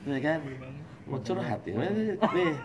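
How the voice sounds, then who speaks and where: Lively joking man preaching to a group. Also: fairly high pitch, slow pace, crowd noise. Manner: lively, joking, acts out husband and wife voices. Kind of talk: religious study talk.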